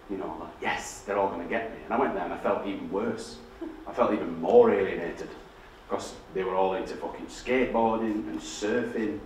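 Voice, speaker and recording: On a darkened theatre stage beside a projector screen, a designer from Yorkshire, England, gives a public talk of casual, swear-laden storytelling. He is middle-aged, with a thick Yorkshire accent and a lowish voice, blunt and self-mocking. The sound is distant and echoey, with a little hiss or hum.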